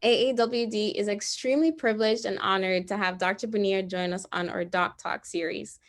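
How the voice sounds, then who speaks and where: A woman's voice: medium pitch, fairly even intonation, brisk. A young woman in her twenties opens an interview with scripted introductions. She sounds enthusiastic, then moves on to ask the guest her questions. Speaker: interview host. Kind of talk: interview hosting.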